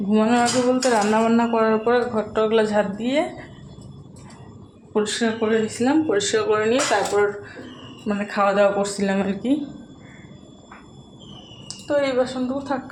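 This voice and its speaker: A woman's voice: mid-range voice, fairly even intonation, fairly quick, long pauses, noisy background. A young woman, narrating a casual home vlog while doing chores, chatty and talking to her child. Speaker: vlogger.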